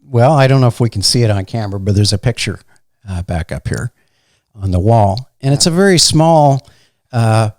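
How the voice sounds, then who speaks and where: A man with a Midwestern accent, a meteorologist guest telling stories in a casual, unhurried way with many fillers. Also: mid-range voice, animated, no echo, clean studio sound. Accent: Midwestern American. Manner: soft-spoken, unhurried, fond of fillers. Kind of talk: casual interview storytelling.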